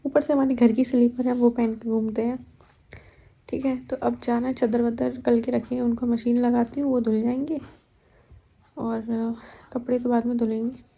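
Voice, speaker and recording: A woman's voice: a little high, flat delivery, moderate pace, creaky, slightly rough, dull audio. A young woman chatting to her viewers at home in a casual vlog, telling stories about her day. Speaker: vlogger. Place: at home, kitchen.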